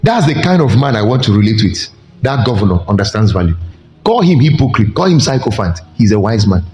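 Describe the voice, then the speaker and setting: Male pastor, lively preaching voice, big pitch leaps, echoey hall with faint music behind. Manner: animated preaching with sudden pitch jumps and slow emphatic stretches. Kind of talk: sermon.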